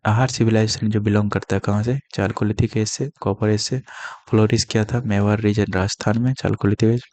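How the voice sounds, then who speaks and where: Soft-spoken man teaching in a low murmur. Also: fairly even intonation, a little fast. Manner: speaking softly to avoid coughing; repeats key terms and mnemonics. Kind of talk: exam-prep lecture.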